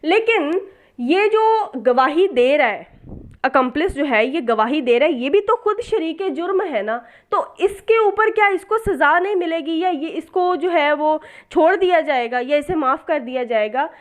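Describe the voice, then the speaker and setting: A woman with a Pakistani accent lectures as a law tutor, her high voice animated yet unhurried. She explains things step by step, posing rhetorical questions, mixing in English legal terms, and didactically repeating key points for emphasis.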